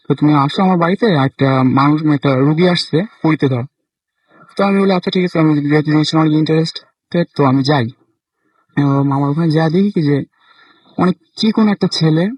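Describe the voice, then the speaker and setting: A man's voice: a little high, a little mellow, husky, no room sound, rough recording. A young man from Bangladesh, a caller telling his own ghost experience in casual, hesitant speech full of fillers and restarts. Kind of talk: casual first-person storytelling.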